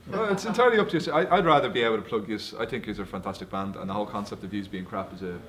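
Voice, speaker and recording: A man's voice: on the low side, racing, fairly bright tone. A young man hosting a casual interview, chatty and playful. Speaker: host.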